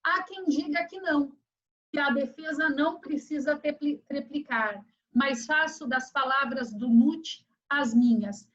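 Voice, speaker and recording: Lively, high-voiced Brazilian woman lecturing. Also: muffled recording. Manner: lively storyteller, acts out quoted voices, checks in with students. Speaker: law lecturer. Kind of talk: online lecture with anecdotes.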